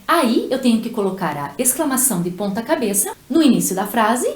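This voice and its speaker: Lively, high-voiced woman teaching Spanish. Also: roomy sound, a little hiss or hum. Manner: slow, carefully articulated model phrases with pauses. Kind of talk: language lesson with repeat-after-me drills.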